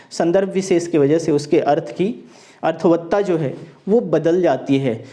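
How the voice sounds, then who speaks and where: Slow, deliberate Hindi grammar teacher, man. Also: sits high, warm tone. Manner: slow, deliberate explanation, repeating each point; recites verse lines slowly and with stress. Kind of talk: exam-prep lecture.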